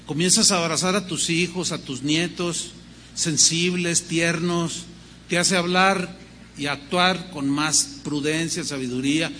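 High, bright-voiced older preacher in a hall. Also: male voice, steady tone, a little slow, a little hiss or hum. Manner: storytelling preacher acting out quoted dialogue, rhythmic lists. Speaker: pastor. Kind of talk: sermon.

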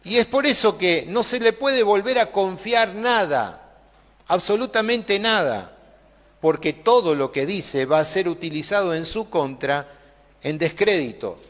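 Man, preaching, slow unhurried delivery, long echoing reverb. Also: high voice, expressive, fairly bright tone. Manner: conversational, many filler tags and restarts. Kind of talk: sermon.

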